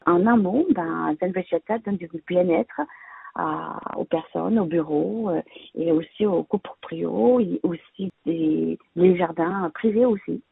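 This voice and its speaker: A woman with a fairly low, husky voice and vocal fry speaks a little slowly, offering plant-care tips as a guest expert. She's an interior plant decorator of Vietnamese heritage living in France, and her speech is hesitant, with many fillers and restarts, captured in a dry, narrow, phone-like recording.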